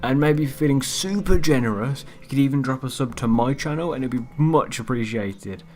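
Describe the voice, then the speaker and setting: A man's voice: medium pitch, fairly quick, a little mellow. A man hosting his own video channel, walking through a game theory recap in an offhand, rambling way that trails off. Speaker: YouTube channel host. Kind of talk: casual narrated video outro.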